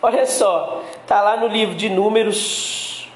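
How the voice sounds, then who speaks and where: Man, Brazilian accent, pastor, sermon, high voice, conversational questions, very echoey room. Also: steady tone, takes it slowly. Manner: conversational, keeps asking listeners direct questions. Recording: very echoey room with faint background noise.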